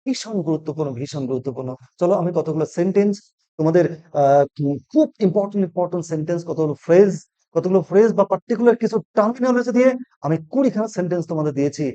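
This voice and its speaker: High-voiced Bengali-accented English teacher. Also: male voice, dark tone, highs cut off. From India. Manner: mixes Bengali with slow emphatic English phrases. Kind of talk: video lesson.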